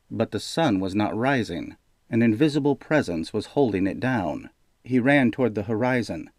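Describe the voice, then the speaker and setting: A man reading a fantasy audiobook aloud in a steady, measured storytelling manner. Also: fairly low pitch, no room sound, clean studio sound. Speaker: audiobook narrator. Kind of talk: scripted narration.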